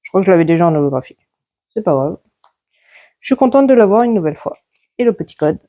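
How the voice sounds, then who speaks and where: Woman host, low mellow voice, casual card-opening chatter, names cards one by one. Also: expressive, fast talker. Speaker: YouTuber opening card packs. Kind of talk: casual pack-opening commentary.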